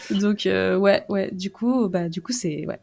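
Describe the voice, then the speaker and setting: A French woman guest chats on a podcast in a hesitant, self-doubting way. She fills her speech with "euh", breaks off and restarts her phrases, and her pitch sits in the middle range. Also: slow pace, vocal fry, a little mellow. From France. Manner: hesitant, many fillers and restarts, self-deprecating. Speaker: guest YouTuber. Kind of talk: casual podcast conversation.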